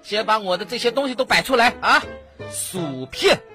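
A woman co-hosting a radio comedy sketch, delivering exaggerated, boastful lines with drawn-out particles. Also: fairly high pitch, expressive, a bit bright, faint music behind. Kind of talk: comic radio sketch and banter.

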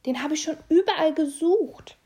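A woman's voice: mid-range voice, very animated, measured pace, mellow. A woman voicing a friendly little boy mouse in a children's storybook, with a kind, cheerful manner.

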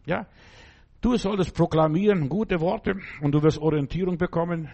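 A man's voice: a little high, normal speed, creaky. A middle-aged man preaching a sermon, exhorting the listener directly and acting out quoted commands with raised voice. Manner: acts out quoted commands loudly.

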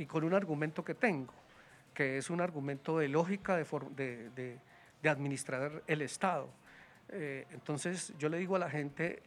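A man talks politics in a casual, critical way, stumbling over restarts and fillers. His voice sits a little high for a man. A faint hiss of noise runs underneath. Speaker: political guest.

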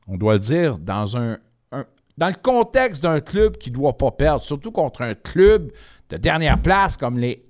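A man hosting a sports talk radio show, with a punchy, lively delivery. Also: fairly high pitch.

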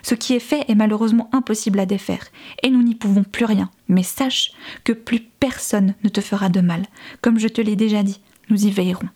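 A caring young man, as a woman reader puts him on, murmuring softly and gently in a storybook reading. his voice is warm and mellow. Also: medium pitch, steady tone, fairly quick, breathy edge, natural voice. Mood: tender. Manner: soft, murmured and tender. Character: tender, protective young man, gentle lover.

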